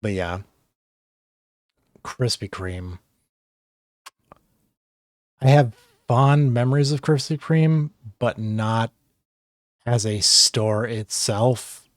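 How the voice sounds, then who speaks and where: An American man hosts a casual tier-list chat ranking fast food, offering blunt opinions and swearing freely. His medium-pitched voice is very slow and full of pauses. The sound is clean studio audio with no room sound.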